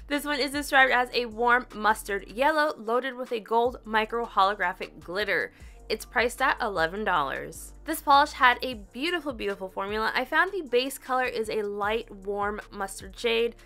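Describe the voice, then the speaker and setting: A woman's voice: on the high side, bright, forceful tone. A young woman narrating a chatty, upbeat nail polish review as a voice-over, with the odd giggle at her own slips. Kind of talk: scripted product review voice-over.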